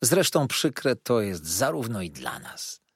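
A man voicing a practical, cheerful housekeeper who calmly reassures in slow, even words. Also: fairly low pitch, slightly rough, no room sound, clean studio sound, heavily acted. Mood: reassuring. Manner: calm, reassuring.

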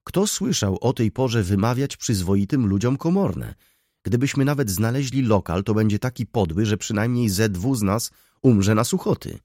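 Male reader as smug student lodger: syrupy politeness, low and animated, dry close mic. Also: normal speed, dry recording. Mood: mock-polite. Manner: sugary, mock-courteous. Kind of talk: audiobook reading.

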